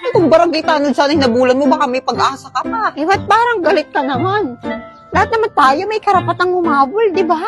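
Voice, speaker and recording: Very high-voiced woman, lively bickering skit, music behind. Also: fast. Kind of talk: acted comedy skit.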